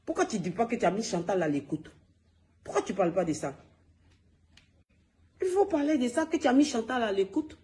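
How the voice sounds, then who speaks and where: A man's voice: high voice, big pitch swings, fast talker, darkish tone. Heated man ranting on a livestream. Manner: emphatic, repetitive, addressing viewers directly. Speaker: gossip live-streamer. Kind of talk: heated phone livestream rant. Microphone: phone.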